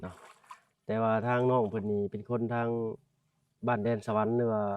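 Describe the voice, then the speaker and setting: A man's voice: lowish voice, little pitch movement, brisk, lo-fi sound. Chatty Isan man vlogging outdoors. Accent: northeastern Thai (Isan). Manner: chatty, addresses viewers as brothers and sisters, often apologizes. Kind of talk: casual vlog narration while walking. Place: outdoors in a village. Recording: dry sound, voice at a distance from the mic.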